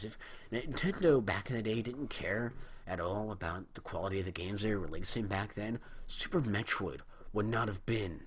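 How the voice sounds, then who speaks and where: Indignant and rambling, a young video host in his early twenties sounds off about video games, restarting his sentences again and again. His voice is on the low side with a breathy edge, and his throat seems dry and strained.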